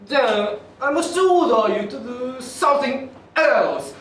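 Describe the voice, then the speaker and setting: A woman's voice: high-pitched, lively intonation, slow, slight background noise. A young woman playing a pompous, bossy king in a student stage play, making grand, commanding declarations. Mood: boastful. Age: young adult. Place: theater stage. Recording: echoey hall from far off.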